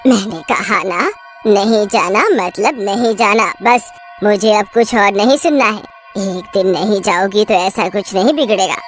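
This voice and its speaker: A woman voicing a strict older mother-in-law who scolds slowly and firmly in a low voice. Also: faint music behind, natural voice. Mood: stern. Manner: firm, scolding, slow and insistent.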